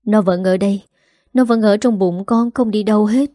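A woman's voice: mid-range voice, normal speed, no echo, clean studio sound, natural voice. A woman voicing a tender older mother. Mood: comforting. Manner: gentle, coaxing. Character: tender older mother comforting her daughter.

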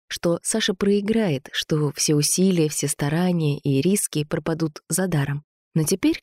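A woman narrating an audiobook in an even storytelling manner. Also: fairly low pitch, no echo, studio quality.

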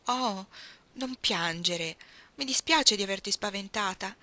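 A woman's voice: mid-range voice, measured pace, pushed and bright, dry recording. A woman reading aloud, voicing a bold, mischievous tomboyish young woman who coaxes and pleads dramatically. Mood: coaxing.

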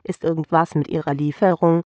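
A man's voice: on the high side, flat delivery, brisk, darkish tone, no room sound, muffled recording, natural voice. A man voicing a cheerful female alien delivery pilot who speaks in broken, scrambled word order. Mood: polite.

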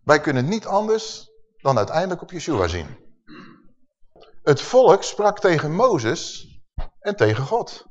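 A middle-aged man preaching with a lively voice that climbs high for emphasis and drops low to drive a point home. He sits a little high for a man. The recording is dull and lo-fi. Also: unhurried, pauses often. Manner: emphatic, rising and falling, lists sins with force, asks the congregation questions. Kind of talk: sermon.

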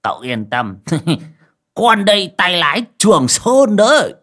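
A man's voice: high voice, sing-song, a little slow, a bit bright, voice pushed up, exaggerated voice. A man voicing a drunk old male servant who slurs his words and wails with fear. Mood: boastful. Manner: slurred, wailing when scared.

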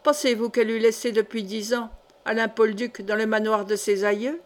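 A woman reads a young peasant clog-maker turned fierce orator, his speech solemn and swelling into loud accusation, pitched a little high. He hammers his charges at a hushed crowd in a storybook reading. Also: flat delivery, normal speed, lightly acted. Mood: accusing.

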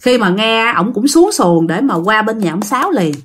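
Lively Southern Vietnamese woman telling a ghost story. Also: fairly high pitch, moderate pace. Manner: chatty, addresses listeners directly, acts out quoted speech. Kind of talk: casual spoken ghost story narration.

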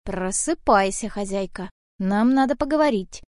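A woman voicing a big, gruff, rude ginger tomcat who scolds and bosses people around, in an audiobook. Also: mid-range voice, lively intonation, moderate pace, no room sound, studio quality, natural voice. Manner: loud, bossy, scolding. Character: old male house cat, gruff, rude protector. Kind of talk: audiobook character voice.

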